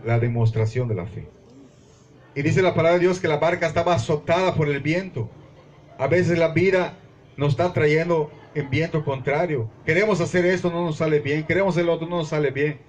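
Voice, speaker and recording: Fervent Mexican preacher with a high voice. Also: male voice, a little mellow, a little hiss or hum. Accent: Mexican Spanish. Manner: preaching with fervor, addresses congregation as brothers. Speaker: pastor. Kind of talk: sermon. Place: small mission church.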